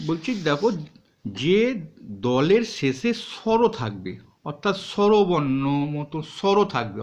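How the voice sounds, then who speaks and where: A man teaching students, patiently explaining and sounding words out syllable by syllable. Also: fairly high pitch. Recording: dull lo-fi recording.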